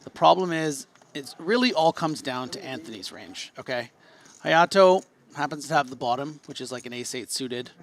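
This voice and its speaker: A man doing live poker commentary from a booth, chatty and quick to burst into disbelieving exclamations. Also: mid-range voice, lively intonation.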